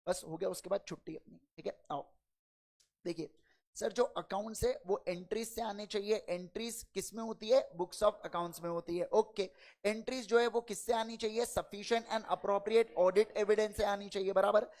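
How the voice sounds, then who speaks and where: A man lecturing an accounting class, firing quick questions at his students and addressing them in a fatherly way. He is a little unwell and talks slower than usual. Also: high voice, a little mellow. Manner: quizzes the class with quick call-and-response questions; fatherly, calls students "beta". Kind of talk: classroom lecture in Hindi and English.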